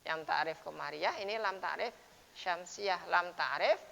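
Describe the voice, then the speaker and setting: A man teaching recitation rules at a dawn mosque lesson, patiently explaining and then chanting the words slowly and loudly. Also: high-pitched, vocal fry. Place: mosque, after dawn prayer. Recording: dull lo-fi sound with long mosque reverb.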